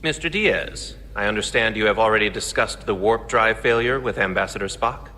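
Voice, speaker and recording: An actor playing a stern, humorless Vulcan engineer in a game, speaking in stiff, precise, deadpan formal sentences. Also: male voice, fairly low pitch, normal speed. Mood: stern, dry. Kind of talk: scripted game dialogue. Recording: long hall reverb, faint noise.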